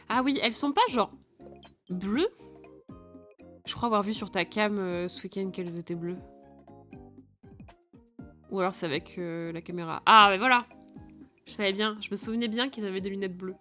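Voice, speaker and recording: A woman's voice: medium pitch, moderate pace, pauses often, a bit bright, soft background music. A woman streamer chatting playfully and teasing while she plays, sounding tired. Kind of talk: casual live-stream game chat.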